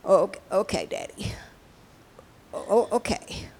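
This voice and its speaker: A woman voicing a scared little girl in a bomb shelter, calling out in a high, pleading voice. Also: expressive, moderate pace, a little mellow, husky. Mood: anxious.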